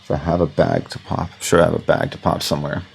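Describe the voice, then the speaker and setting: This man's voice is deep and slightly rough, with vocal fry, and he talks fast. He rambles through a casual, relaxed audio production tutorial recorded in his home studio, using lots of fillers.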